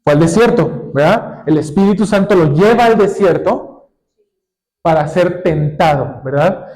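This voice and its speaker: Male pastor, high voice, preaching and quizzing the congregation. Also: a little mellow, rough recording. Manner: asks the congregation questions and waits for answers; reads scripture aloud slowly, drawing words out. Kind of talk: sermon.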